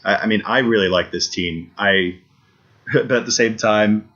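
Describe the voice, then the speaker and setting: Low-voiced man in lo-fi football chat. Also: unhurried, fairly bright tone. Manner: eager, repeats himself, many restarts and fillers. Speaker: podcast co-host. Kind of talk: casual sports chat. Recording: dull lo-fi podcast audio.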